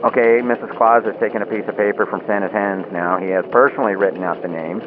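A man's voice: lowish voice, fairly even intonation, quick pace. Man playing a tinny-sounding Christmas elf field reporter. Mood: announcing. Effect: radio link filter. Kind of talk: mock live radio news report. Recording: tinny phone-like radio link, very noisy.

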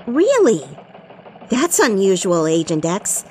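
A woman playing a chipper female elf news reporter who delivers a mock radio news report in a bright, bouncy newsreader manner. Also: medium pitch, huge pitch swings, slow pace, slight background noise. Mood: perky. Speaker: news anchor.

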